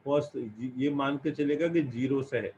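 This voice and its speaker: Captured on a dull lo-fi recording with faint noise in the background, a male teacher leads a computer science lesson in class. He explains each step and asks and answers his own questions. His mid-range voice is steady and darkish, delivered at normal speed.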